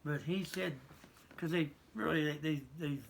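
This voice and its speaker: Older American man, veteran reminiscing, slightly high voice, folksy, rambling, stammered repeats. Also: fairly even intonation, normal speed, creaky. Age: 70s. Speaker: interviewed Navy veteran. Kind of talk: conversational reminiscence.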